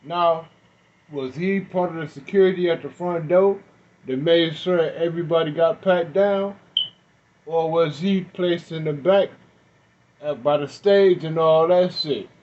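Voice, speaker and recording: A man's voice: fairly high pitch, measured pace, a little mellow. A man giving skeptical reaction commentary in a suspicious, insinuating conspiracy-theorist manner. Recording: dull lo-fi audio.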